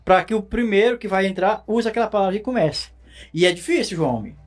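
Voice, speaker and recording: A man's voice: high voice, expressive, quick pace, faint music behind. A man in casual conversation who chimes in eagerly and finishes the other speaker's sentences. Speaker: interviewer and cordel writer.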